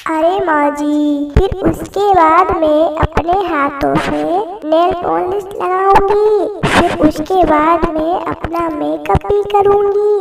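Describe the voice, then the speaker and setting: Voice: extremely high pitch, slow pace, vocal fry, heavily acted. A performer voicing a tearful young daughter-in-law in a cartoon skit, whining as she talks. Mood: whiny. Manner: whiny, crying tone. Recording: distant, roomy, noisy.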